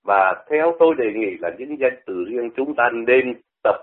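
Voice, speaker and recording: A man's voice: mid-range voice, lively intonation, normal speed. An older man from Vietnam, talking on the radio and explaining pronunciation in a conversational way, often repeating words to demonstrate them. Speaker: radio commentator. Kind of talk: radio talk, explaining language. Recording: phone-like radio line.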